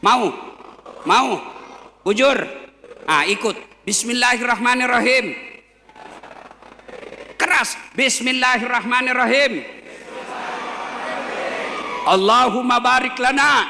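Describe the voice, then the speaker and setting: High-voiced joking preacher in a hall. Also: male voice, takes it slowly, creaky, pauses often, slight background noise. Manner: lively, joking, addresses the audience directly. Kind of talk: humorous sermon to a crowd. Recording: long hall reverb.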